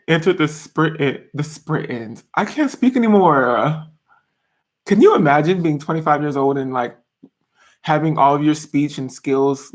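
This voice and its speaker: A man in his twenties chats casually on a live stream from a small bedroom, reading and answering viewers' comments as a YouTuber. His voice is a bit high for a man, and he laughs often, restarts sentences and uses lots of fillers.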